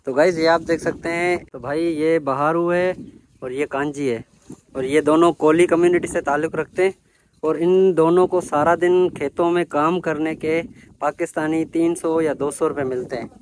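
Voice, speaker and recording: A man from Sindh, Pakistan, interviews farm workers outdoors in village fields, with a slightly high voice. He asks short questions and echoes every answer back. Faint noise and animal sounds sit behind him. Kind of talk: casual interview and talk to camera.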